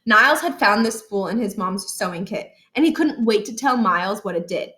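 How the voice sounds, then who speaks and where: A woman reads a children's book aloud in an expressive storytelling manner, using a mid-range voice at a moderate pace.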